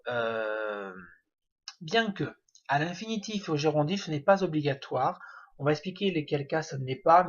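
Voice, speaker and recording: A man's voice: on the high side, breathy edge. A man giving a spoken grammar lesson, explaining step by step with many hesitations and fillers. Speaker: language teacher. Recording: dull lo-fi recording.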